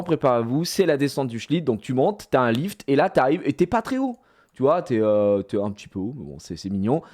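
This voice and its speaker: Male streamer in his thirties, loose slangy storyteller, lively voice that leaps up and down. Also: medium pitch. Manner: rambling, many fillers and restarts, slangy. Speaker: streamer recounting a theme park outing. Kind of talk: casual live-stream storytelling.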